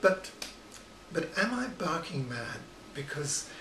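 A man's voice: a little high, very animated, takes it slowly, bright, forceful tone, reverberant, recorded from a distance, a little hiss or hum, full character voice. An actor playing a lonely middle-aged widowed father, dry, clipped and exasperated. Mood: guarded. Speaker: father committed to a psychiatric clinic. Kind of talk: short film drama acting.

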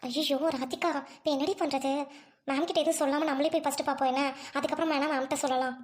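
A brash young college girl, put on by a woman who scolds and waves things off. She speaks in a bossy, deeper voice than the performer's own. It is an audio drama scene. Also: steady tone, fast, close to an everyday voice. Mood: urgent. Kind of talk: Tamil audio drama acting.

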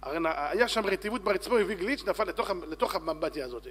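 Animated rabbi telling a story. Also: male voice, sits high. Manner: animated storyteller, acts out shouts and dialogue. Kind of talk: sermon storytelling. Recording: long hall reverb.

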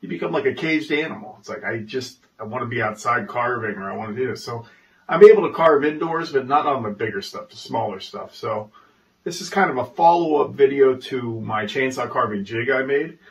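A man's voice: mid-range voice, animated, a little fast. A man hosting his own carving channel, opening a vlog with dry, sarcastic humor and a chatty, filler-heavy way of talking. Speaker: chainsaw carver, channel host. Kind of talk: casual vlog intro. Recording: distant, dull sound.

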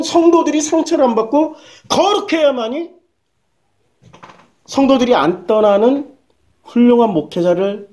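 A woman's voice: a little high, dark tone. A woman pastor preaching a sermon in a blunt, emphatic way, firing rhetorical questions and dropping coarse slang. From South Korea.

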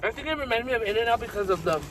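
A man's voice: very high-pitched, lively intonation, very fast, a bit bright, slight background noise. A man chatting casually while eating, talking with his mouth full, humming as he savors the food. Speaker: mukbang vlogger. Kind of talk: casual eating vlog chat.

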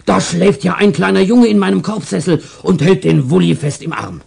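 Old market stallholder, loud, blustery, soft-hearted, voiced by a male narrator. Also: mid-range voice, sing-song, moderate pace, voice pushed up. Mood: blustery, kindly. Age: older. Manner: loud exclamations, warm gruff kindness. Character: poor old man, market stall owner, kindly, blustery. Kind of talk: storybook character voice.

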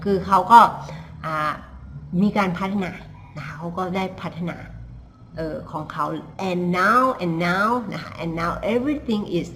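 A woman teaches English pronunciation, explaining in Thai and stretching each English phrase out slowly for her students. Her voice sits a little low and her pace is very unhurried. A faint hiss lies under the recording. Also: animated, fairly bright tone. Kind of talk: language lesson, repeating phrases slowly.

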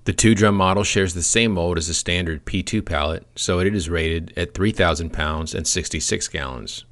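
A man giving a scripted product training presentation, with a dry, deadpan sense of humor. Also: deep voice, moderate pace.

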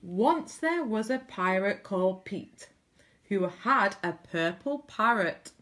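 A woman's voice: medium pitch, lively intonation, slow, fairly bright tone. A woman reading a picture book aloud to children, adding chatty asides between the lines. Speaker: storybook reader.

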